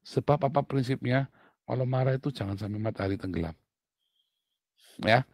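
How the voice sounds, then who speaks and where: A middle-aged man preaching a sermon as a pastor, blunt and animated, joking and laughing with his listeners. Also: medium pitch, moderate pace, gravelly, no room sound, poor audio.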